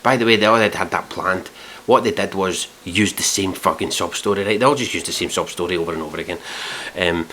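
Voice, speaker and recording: A man's voice: sits low, quick pace, sharp tone, a little hiss or hum. A man ranting in a casual review video, exasperated and swearing a lot. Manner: exasperated, heavily profane, mock-outraged.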